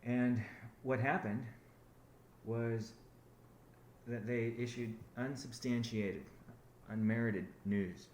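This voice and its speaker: With a mid-range, steady, slightly mellow voice, a man speaks slowly as a company founder giving a business update on a conference call. He rambles, corrects himself and keeps restarting sentences. The audio sounds roomy with a little hiss or hum.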